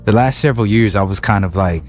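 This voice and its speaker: A young rapper from Wilmington, California, chats casually as a podcast guest in a lowish voice. He talks in halting bursts full of repeated words and restarts, with faint music in the background.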